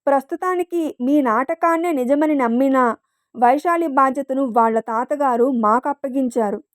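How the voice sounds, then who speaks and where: A woman's voice: sits high, normal speed, no room sound, clean studio sound, close to an everyday voice. A woman voicing a stern elderly patriarch who scolds his guests in a storybook reading.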